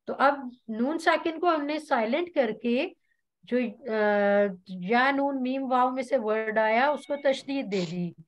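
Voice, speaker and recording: A woman leads an online tajweed class over a video call, her voice high and her pace unhurried. She is patient and models each word carefully so her students can repeat it. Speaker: tajweed teacher. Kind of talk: online Quran recitation class.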